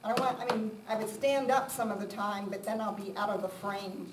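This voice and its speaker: Here the same kind of informal, self-deprecating talk comes from a woman with a mid-range voice who speaks a little fast. She's a guest speaker addressing a live audience, captured on a distant mic in a roomy space with loud noise behind her.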